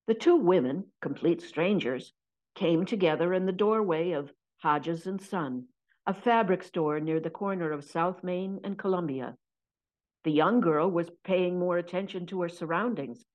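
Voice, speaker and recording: Lower-voiced woman narrating a historical novel. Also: darkish tone, poor audio. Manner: measured, descriptive storytelling. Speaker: audiobook narrator. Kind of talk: scripted narration.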